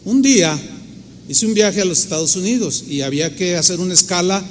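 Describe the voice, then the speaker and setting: A man's voice: high voice, animated, fairly quick. A man with a Mexican accent preaching a sermon as a pastor, telling stories emphatically and acting out the voices he quotes. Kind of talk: storytelling sermon. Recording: reverberant hall, faint noise.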